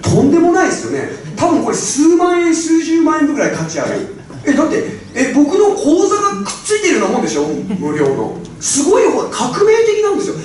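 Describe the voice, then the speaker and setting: Animated high-voiced man lecturing in an echoing hall. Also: a little fast, far from the mic, slight background noise. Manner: animated, laughing often, swinging between loud and soft. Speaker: speech coach giving a seminar. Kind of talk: lively seminar talk to a live audience. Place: large hall with a microphone. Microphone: handheld microphone.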